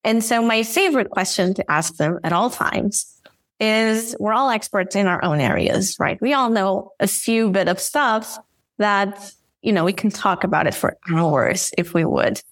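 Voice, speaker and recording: A woman's voice: mid-range voice, animated, measured pace, dry recording. A woman guest in a casual interview on a video call, talking with enthusiasm and laughing often. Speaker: guest, brand designer. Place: room at home with red cabinet.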